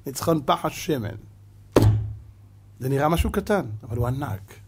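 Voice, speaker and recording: A rabbi preaching a sermon, animated and full of rhetorical questions to his listeners. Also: on the high side, very noisy.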